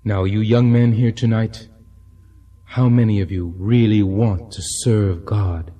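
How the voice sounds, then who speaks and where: A fervent older preacher, played by a man, slow and earnest, calling out to a crowd. His voice is low, dark and husky. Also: fairly even intonation.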